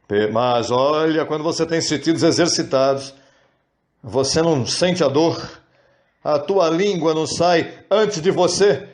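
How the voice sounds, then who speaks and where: A man preaches with real animation. His voice sits fairly high, and he stretches words out for emphasis. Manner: animated, acts out quoted prayers in high wailing voices. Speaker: pastor. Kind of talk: sermon.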